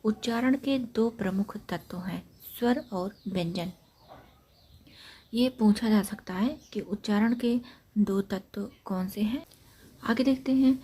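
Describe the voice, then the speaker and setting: Breathy woman teaching a grammar class. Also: mid-range voice, mellow. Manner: repetitive, explains points step by step. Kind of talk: exam-prep grammar lesson.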